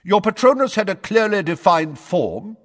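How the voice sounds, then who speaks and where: A man voicing a stern, booming older woman judge who questions a boy brusquely. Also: very animated, normal speed, a bit bright, big-room sound, full character voice.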